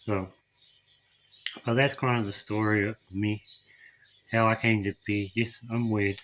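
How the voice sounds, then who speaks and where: Middle-aged man, tearful vlog confession, halting delivery, bright tone, faint background noise. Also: lowish voice, flat delivery. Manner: emotional, tearful, halting with repeated words. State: crying. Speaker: vlogger. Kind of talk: personal story to camera.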